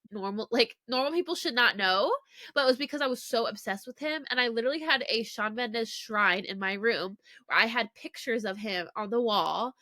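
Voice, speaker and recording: A woman's voice: on the high side, sharp tone, no room sound. A young woman hosting a casual solo podcast, chatty and rambling with lots of "like", her voice a bit congested from a cold, recorded in her childhood bedroom. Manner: chatty, rambling, heavy use of "like". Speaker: podcast host.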